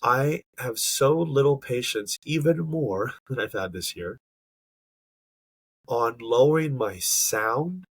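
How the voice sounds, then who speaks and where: A man co-hosting a casual podcast, nose stuffy from allergies, talks slowly in an expressive, husky mid-range voice. He is earnest and emphatic, often searching for words, and the recording has no room sound.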